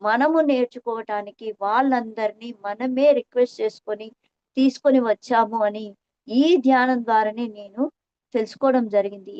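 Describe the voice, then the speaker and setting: High-voiced earnest woman, dull dry recording. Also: darkish tone, dry recording. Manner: earnest, reflective, repeats phrases for emphasis. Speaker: meditation testimony speaker. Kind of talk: spiritual talk addressing listeners.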